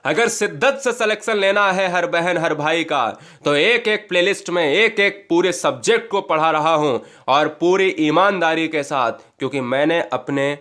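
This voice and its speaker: A man's voice: fairly high pitch, normal speed, hardly any pauses, fairly bright tone. A man teaching an exam-prep grammar lesson, asking and answering his own questions and drawing out sounds to demonstrate them.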